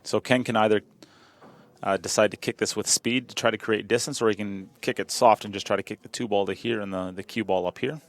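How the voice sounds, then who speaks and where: A man's voice: fairly low pitch, steady tone, a little fast. Chatty man commentating pool. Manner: chatty, repeats himself, joking. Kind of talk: live sports commentary.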